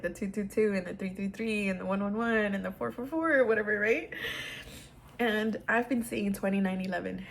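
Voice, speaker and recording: A woman's voice: medium pitch, a little hiss or hum. Emotional young woman telling a story. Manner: emotional, laughing through tears; casual, many fillers like "like". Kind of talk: personal storytelling.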